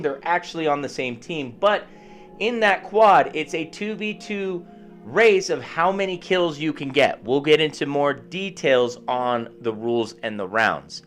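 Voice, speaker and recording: Upbeat man hosting a gaming stream. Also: fairly high pitch. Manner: upbeat, rapid shout-outs to viewers. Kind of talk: casual live-stream chat.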